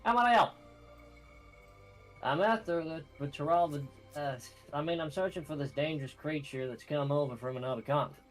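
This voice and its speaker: A man's voice: fairly high pitch, brisk, soft background music, lightly acted. A man putting on a brash New York tough. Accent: put-on New York. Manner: brash, swearing constantly. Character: foul-mouthed brash male guide, New York tough. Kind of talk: reading game dialogue aloud in voices.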